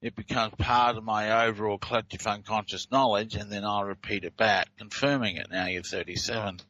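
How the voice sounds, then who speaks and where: A man's voice: on the low side, fairly even intonation, brisk, bright, forceful tone, muffled recording. A man with an Australian accent hosting a talk show, explaining audio clips in a hesitant way with many fillers and restarts. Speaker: host.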